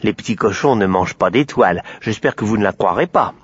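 A man voicing a sly little male pig who swallowed a star, pleading and fussy, with hesitant pauses. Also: on the low side, animated, slightly rough, no room sound. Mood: scheming. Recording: dry, slightly dull lo-fi recording.

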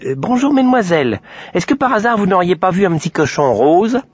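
A man's voice: high-pitched, very animated, fairly quick, slightly rough, dry recording, pitched above the performer's own voice, full character voice. A man voicing a polite, persistent little girl, hesitant and probing. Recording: dry, slightly dull lo-fi recording.

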